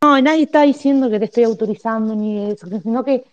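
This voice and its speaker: Woman, slightly high voice, calm, conciliatory, peacemaking, dull muffled recording. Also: quick pace, clean tone. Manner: calm, conciliatory, trying to settle a fight. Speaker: participant in an online audio chat. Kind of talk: online group discussion.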